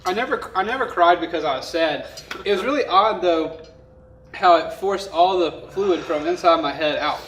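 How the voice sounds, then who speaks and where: A man's voice: high voice, normal speed, fairly bright tone. A man hosting a casual chat with his mouth burning from spicy food, apt to cough and chuckle. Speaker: host. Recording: echoey room, distant mic, faint noise.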